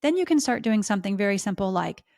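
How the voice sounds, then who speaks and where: A woman's voice: mid-range voice, lively intonation, quick pace, a little mellow, dry recording, clean studio sound. Melodic woman hosting a health podcast. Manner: melodic, smooth, encouraging. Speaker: podcast host. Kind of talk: instructional podcast talk.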